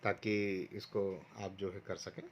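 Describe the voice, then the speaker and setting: A man's voice: deep voice, little pitch movement, slow, a little hiss or hum. A man teaching a recorded online lesson to first graders, patiently going step by step and sounding out syllables for pupils to repeat. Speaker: primary school teacher.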